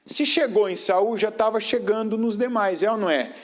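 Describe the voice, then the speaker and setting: A man preaching a sermon, firing rhetorical questions at the congregation and swinging between raised emphatic phrases and low, quiet stretches. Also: moderate pace.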